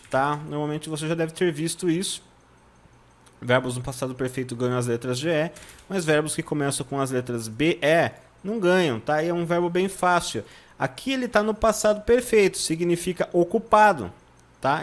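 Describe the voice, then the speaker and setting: Brief: Brazilian male German tutor, slightly high voice, breaks words into syllables, constant check-ins. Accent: Brazilian Portuguese. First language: Portuguese. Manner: drills pronunciation, repeating words syllable by syllable. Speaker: German teacher. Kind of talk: online language lesson.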